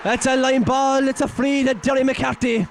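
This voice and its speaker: Irish male match commentator, very high voice, partisan and excitable, shouting, voice worn from yelling. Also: moderate pace, some chatter behind, slight background noise. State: nearly losing his voice. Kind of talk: partisan live sports commentary.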